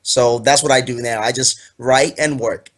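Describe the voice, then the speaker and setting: A man's voice: medium pitch, steady tone, moderate pace, a bit bright. A young man in his twenties, originally from Ghana, talking as an author guest in a casual interview, earnest and rambling with fillers.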